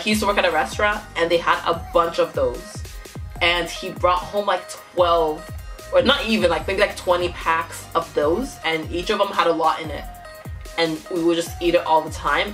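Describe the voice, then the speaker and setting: Sitting in a small bedroom indoors, a twenty-something YouTube reactor with a slight Nigerian accent giggles and exclaims her way through a music video, laughing often. Her voice is lowish and a bit bright.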